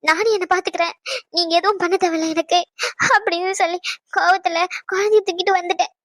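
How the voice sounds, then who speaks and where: A woman's voice: very high voice, steady tone, quick pace, fairly bright tone, no room sound. A woman voicing an upset young married granddaughter in a cartoon, talking in a hurt, pleading way. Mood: tearful. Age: young adult. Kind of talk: cartoon voice acting.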